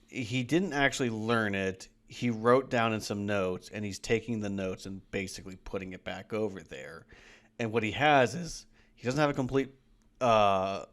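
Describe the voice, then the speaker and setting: A man co-hosting a podcast in casual chat, rambling and laughing often. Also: on the low side. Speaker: podcast co-host.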